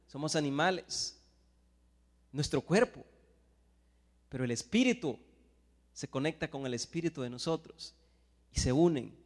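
A man from El Salvador with a Salvadoran Spanish accent, preaching a sermon, swinging between hushed asides and loud emphatic Bible readings. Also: a little high, lively intonation, a little slow, long pauses, big-room sound.

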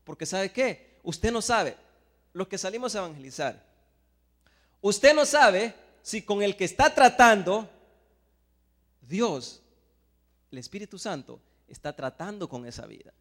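Salvadoran preacher with a high voice. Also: male voice, sing-song, unhurried, pauses often, long reverb tail. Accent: Salvadoran Spanish. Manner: swings between hushed asides and loud emphatic Bible readings. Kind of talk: sermon.

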